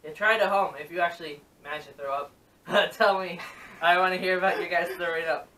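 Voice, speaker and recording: A young adult man chatting casually and haltingly as the jokey host of a vlog, recorded in a small bedroom. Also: sits high, fairly even intonation, bright, forceful tone. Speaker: host of a challenge video. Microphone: camera a few metres away. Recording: distant, noisy camera mic with clicks.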